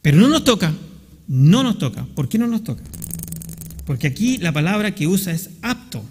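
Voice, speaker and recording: A man's voice: sits high, sing-song, moderate pace, darkish tone, husky, big-room sound. A man with a Chilean accent preaching a sermon as pastor, earnestly checking that the congregation follows along. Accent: Chilean Spanish. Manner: earnest preaching, often asking the congregation questions. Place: church sanctuary.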